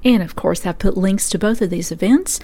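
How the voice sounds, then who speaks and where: A woman's voice: medium pitch, fairly quick, dark tone. A woman hosting a farm and food podcast, reading event announcements from a script. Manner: reads event listings steadily. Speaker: podcast host.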